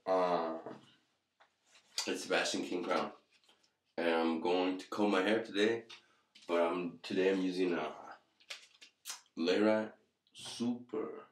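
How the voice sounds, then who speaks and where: Man, low voice, casual vlog chat, halting and rambling, laid-back, strong room echo. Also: fairly even intonation, a little hiss or hum. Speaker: vlogger reviewing hair pomade. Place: echoey room indoors. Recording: very echoey, reverberant room.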